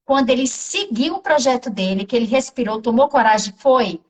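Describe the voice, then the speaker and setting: A woman with a Brazilian accent, speaking as a therapist in an interview and telling stories from her practice. Her voice sits a little high, and she is animated, acting out the voices in the dialogue as she tells it. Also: a little fast, far from the mic, poor audio. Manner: animated, acts out quoted dialogue. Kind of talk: interview storytelling.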